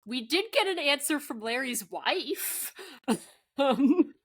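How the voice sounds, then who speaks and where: A woman's voice: high-pitched, expressive, takes it slowly. A woman co-hosting a podcast in casual chat, easygoing and laughing often. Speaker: podcast co-host.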